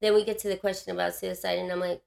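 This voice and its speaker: A woman telling a story in casual podcast chat, animated and swearing, acting out the people in her story. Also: on the low side, rapid-fire, vocal fry. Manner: animated, swearing, acts out others in her retelling.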